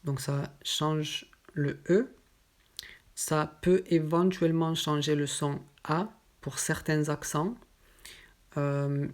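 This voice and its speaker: A woman teaching pronunciation, patiently spelling out sounds and pausing with fillers. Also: deep voice. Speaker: French teacher. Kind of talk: pronunciation lesson.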